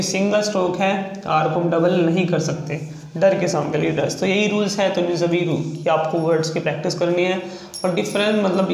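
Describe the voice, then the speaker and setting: A man with a Hindi accent teaching shorthand, pitched fairly high with a gravelly edge. He draws out each example word, then repeats it. The recording sounds echoey. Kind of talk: slow explanatory lesson.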